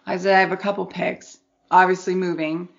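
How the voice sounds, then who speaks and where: In a bare, echoey room with slightly dull sound, a woman with a fairly low voice chats casually as a co-host. She is candid and gushing, talking as she would among friends. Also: little pitch movement, fairly quick, vocal fry. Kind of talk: casual group chat. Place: sparsely furnished room at home.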